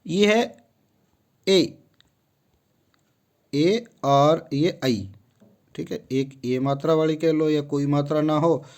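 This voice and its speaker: Man, teacher, slow deliberate speech, repeats words, slightly high voice. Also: a little mellow. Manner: repeats each word several times, slow and deliberate; addresses students directly. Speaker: English phonetics teacher. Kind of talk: classroom-style lesson.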